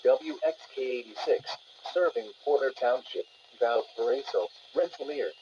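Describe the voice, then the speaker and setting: A synthetic male text-to-speech voice, medium in pitch and darkish in tone, reads scripted weather and alert bulletins at a normal speed. It works as an automated announcer heard over a radio, and the playback is muffled and noisy, like a weather radio.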